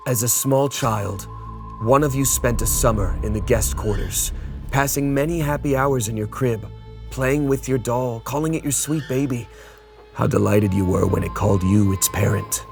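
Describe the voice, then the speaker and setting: A man's voice: mid-range voice, moderate pace, vocal fry, music in the background. A man hosting a board game, reading out the rules and story cards to the players in a theatrical way. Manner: theatrical, lively rule-reading.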